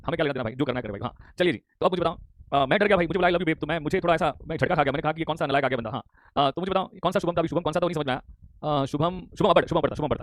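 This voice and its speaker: A man teaching a live online class, teasing students and reading their chat replies aloud while repeating his questions. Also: a little high. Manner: repeats questions rapidly, pressing for answers. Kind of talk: live online commerce lecture in Hinglish.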